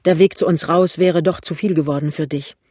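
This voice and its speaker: Ein Mann liest einen verlegenen, hastigen jungen Ehemann in einem Hörbuch. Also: male voice, a little high, fairly even intonation, darkish tone, no echo, studio quality, lightly acted. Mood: hasty. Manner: hurried, embarrassed. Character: flustered young husband, shy and hasty. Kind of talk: audiobook reading.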